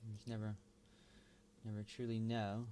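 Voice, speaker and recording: A man thinking aloud while he works, mumbling and halting as he talks to himself. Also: fairly low pitch, monotone, warm tone, slight background noise. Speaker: video host.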